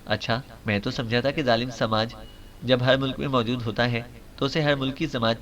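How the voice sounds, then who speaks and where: A man's voice: medium pitch, steady tone, fairly bright tone, recorded from a distance, natural voice. A man doing a teasing, mock-shy young agent. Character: playful young male agent, fooling around.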